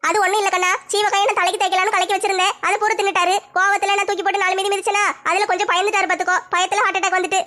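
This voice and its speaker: A woman's voice: very high-pitched, flat delivery, rapid-fire, few pauses, pushed and bright. A woman playing a coaxing mother urging her child to come home at once. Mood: urgent. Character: wheedling mother on the phone.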